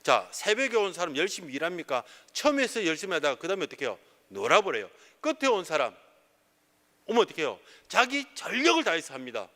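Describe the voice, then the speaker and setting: A middle-aged male pastor preaches with a bright, forceful voice that sits a little high. His delivery swings widely in pitch as he fires off rhetorical questions and answers them himself. The sound carries a long reverb from the church hall. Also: sing-song, fast. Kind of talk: sermon. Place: church sanctuary.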